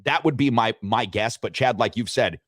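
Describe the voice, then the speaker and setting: A man hosting a sports talk show, talking betting lines with animated delivery and frequent restarts. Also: mid-range voice, moderate pace, no room sound, clean studio sound. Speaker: sports radio host.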